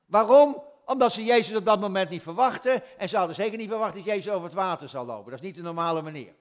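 Male preacher, high voice, conversational sermon, rhetorical questions, church. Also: very fast.

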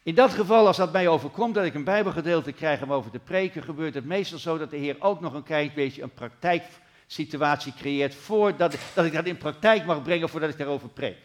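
Male preacher, middle-aged, slightly high voice, animated storytelling sermon delivery. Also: brisk. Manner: retells scripture in a lively storytelling way, with sudden loud bursts.

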